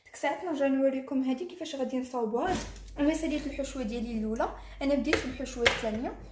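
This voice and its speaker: A woman's voice: sits high, racing, echoey room, heavy background noise. A woman with a Moroccan Arabic accent hosting a cooking tutorial, talking viewers through each fold as she works. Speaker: cooking channel host.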